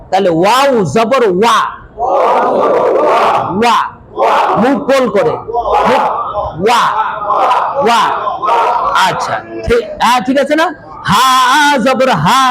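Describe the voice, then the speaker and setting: Male teacher, very high voice, slow and loud call-and-repeat drilling, noisy crowded classroom. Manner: calls out syllables loudly in slow drawn chant, repeats for students. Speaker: Quran reading teacher. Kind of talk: classroom lesson, drilling letter sounds. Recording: noisy room with crowd of students.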